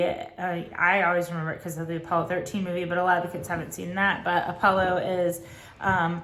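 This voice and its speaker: A chatty woman walking fellow tutors through lesson ideas in a relaxed, rambling way, full of ums and quick self-corrections. Her voice sits a little low for a woman, and the room around her rings with echo. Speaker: homeschool co-op tutor. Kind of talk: casual teaching tips video. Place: at home, child nearby. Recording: echoey room.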